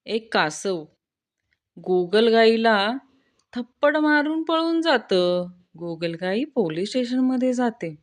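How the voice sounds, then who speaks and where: Woman, joke reading, unhurried, fairly high voice. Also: lively intonation. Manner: storytelling delivery with small voice shifts for characters. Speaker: joke reader. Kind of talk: reading jokes aloud.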